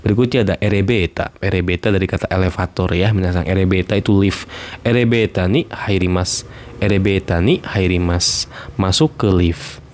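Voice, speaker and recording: A man teaching Japanese words in a casual lesson, saying each example sentence twice and repeating translations slowly. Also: low voice. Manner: relaxed, reads example sentences twice, slow clear repeats.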